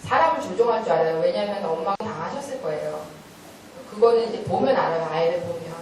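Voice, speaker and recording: A middle-aged woman giving a lively talk at a church parenting meeting, telling stories and acting out stern scolding. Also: on the low side, fast talker, crowd noise. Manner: animated storytelling, acting out stern scolding, often laughing. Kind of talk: lecture-style talk with acted quotes. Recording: echoey hall, voice from far off.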